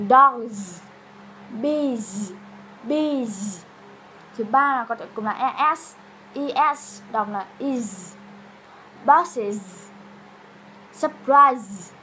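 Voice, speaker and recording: A woman's voice: a little high, a bit bright, slight background noise, low-quality recording. A young woman with a Vietnamese accent, a learner reading her English pronunciation homework aloud, saying each word twice with hesitant fillers.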